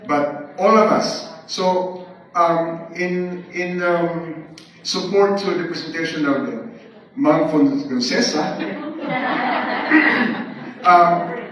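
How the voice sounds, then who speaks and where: Older man, fast and halting, slightly high voice, heard from across an echoey room. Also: a bit bright, slight background noise. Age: 70s. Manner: fast, halting, many restarts and fillers. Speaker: speaker giving a testimony. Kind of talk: casual spoken talk to an audience. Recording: echoey room, far from the mic.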